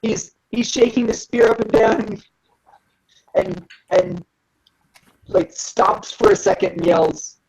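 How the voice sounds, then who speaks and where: A woman narrating as game master of a tabletop game, relaxed and hesitant with frequent ums. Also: a little high, slow, pauses often, slight background noise, poor audio.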